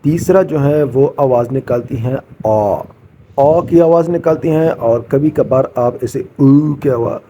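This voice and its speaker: Mellow-voiced man teaching slowly. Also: medium pitch, a little hiss or hum. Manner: patient, repeats sounds slowly, encouraging. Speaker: language teacher. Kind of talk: casual spoken lesson.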